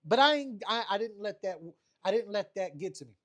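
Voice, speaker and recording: Man livestreamer, casual storytime rant, animated and profane, hammers phrases by repeating them. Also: high voice, fairly quick. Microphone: streaming setup mic.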